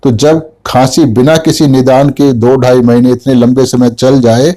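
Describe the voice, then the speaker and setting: A man's voice: mid-range voice, steady tone, a little slow, warm tone. A middle-aged man, a homeopathic doctor, narrating a patient case and voicing the mother's replies in first person.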